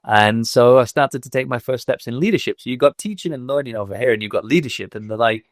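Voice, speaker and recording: A man's voice: medium pitch, quick pace, no room sound, studio quality. A man in his thirties from Manchester with a Mancunian accent, reflecting on his career as a podcast guest, with frequent fillers. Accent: Mancunian English. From England. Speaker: guest, school owner. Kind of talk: podcast interview.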